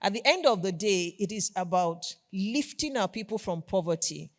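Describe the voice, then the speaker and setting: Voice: mid-range voice, expressive, moderate pace. Polished, enthusiastic Nigerian corporate keynote speaker. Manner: polished corporate enthusiasm, emphatic repetition of key phrases. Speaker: company executive giving keynote address. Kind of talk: formal conference keynote speech.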